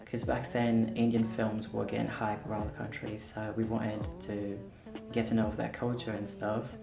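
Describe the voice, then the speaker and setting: Speaking at an ordinary pace in a monotone, the singer-songwriter has a fairly low, creaky voice. He's a native Portuguese speaker chatting openly to camera in a casual vlog, gently poking fun at himself. His voice echoes around the room over background music.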